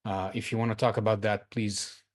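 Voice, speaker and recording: Over a video call, an Israeli man taking part in an online workshop discussion shares personal reflections, earnest and thoughtful, becoming emphatic on key points. His lowish voice stays level in tone and moves fairly quickly.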